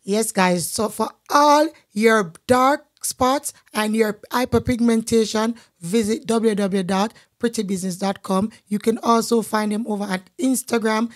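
Woman co-hosting, upbeat, kinda high pitched. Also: measured pace, few pauses. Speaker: podcast co-host. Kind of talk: casual podcast chat.

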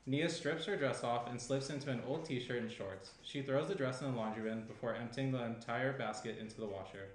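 The narrator here is a young adult man reading a scripted screenplay, his mid-range voice fairly quick with hardly any pauses. The recording, made on a shared desk mic at a round table in a small indoor room, has a roomy echo and faint noise.

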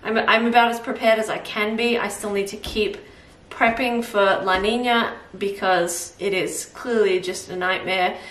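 In a casual cook-along vlog, an Australian woman in her thirties chats and rambles in her kitchen at home, thinking aloud with fillers. Her mid-range voice is steady and slightly bright, at a moderate pace with few pauses. She's off-mic, caught by a camera mic a few feet away amid roomy kitchen echo.

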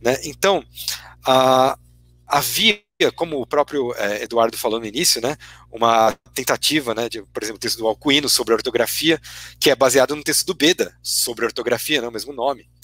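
A man's voice: mid-range voice, bright, forceful tone, dry recording. A man with a Brazilian Portuguese accent, a guest lecturer giving a teacherly explanation, tagging his sentences with constant "né" questions. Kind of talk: explanatory academic talk.

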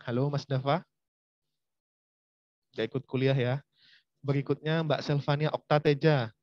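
A man's voice: medium pitch, steady tone, unhurried, no echo. A man teaching a university lecture online, chatty and speaking straight to his students. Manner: chatty, addresses students directly. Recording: dull, lo-fi.

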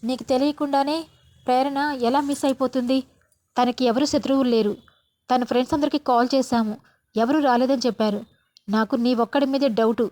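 A woman's voice: on the high side, steady tone, fairly quick, mellow, lightly acted. A woman voicing an angry young man who accuses another man of hiding a missing girl. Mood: accusing. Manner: accusing, demanding.

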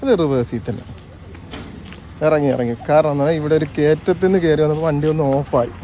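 A man's voice: on the high side, fairly quick, mellow, slight background noise. A man working as a driving instructor, narrating and coaching a learner from inside a car, teasing and repeating his questions.

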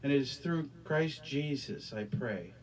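The earnest, middle-aged pastor of a small church preaches and prays with expressive delivery at a measured pace, his mid-range voice somewhat dark in tone, often repeating his words. He holds a microphone on a small stage with curtains. Captured from a distance, the audio is poor.

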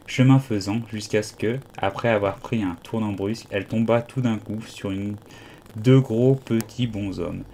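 Low-voiced man reading an audiobook. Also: normal speed, mellow, a little hiss or hum. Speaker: audiobook reader. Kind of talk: audiobook narration.

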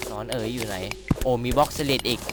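A young man talks through his gameplay in a chatty, excitable way, with a voice in the middle of the usual range. He swears, exclaims and comments on every move, with game music playing clearly behind him. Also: mid-range voice, fast. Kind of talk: let's-play commentary.

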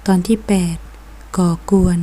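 Mellow woman narrating a novel. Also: a little slow. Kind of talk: scripted narration.

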